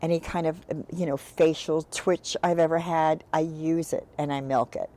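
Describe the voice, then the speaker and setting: Frank, low-pitched woman actress. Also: steady tone, mellow. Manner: frank, halting, with many fillers and restarts; short, decisive one-word answers in quick rounds. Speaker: actress and writer, interview guest. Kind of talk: candid interview conversation.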